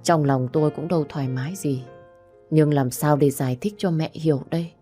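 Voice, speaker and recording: Audiobook narrator: woman, low voice, calm and sorrowful first-person telling. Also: fairly quick, slightly rough, soft background music.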